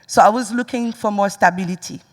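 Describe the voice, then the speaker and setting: A woman's voice: mid-range voice, brisk. A young woman giving a personal storytelling talk on stage, with many fillers. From Senegal. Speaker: speaker. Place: large music hall. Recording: long hall reverb.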